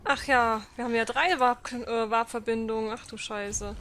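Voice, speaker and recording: A young woman commentates casually on her own gameplay. Her voice sits on the high side, and there is faint game noise in the background. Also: steady tone, normal speed, fairly bright tone. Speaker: let's player.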